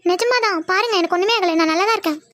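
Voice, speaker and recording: A woman's voice: racing, a bit bright. A voice actor playing a stubborn young woman in a cartoon who keeps answering back with questions. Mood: defiant. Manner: squeaky, defiant questioning.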